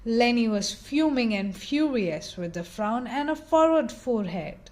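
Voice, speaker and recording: Slow, high-voiced woman reading a kids' book. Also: animated, darkish tone. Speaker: children's book reader. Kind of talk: reading a picture book aloud.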